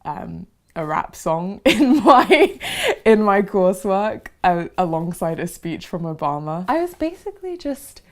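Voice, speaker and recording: A woman's voice: medium pitch, sing-song, a little slow. A young woman from London, a university student who talks in a bubbly way and often laughs in an interview. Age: young adult. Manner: bubbly, laughs while talking. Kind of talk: casual interview testimony.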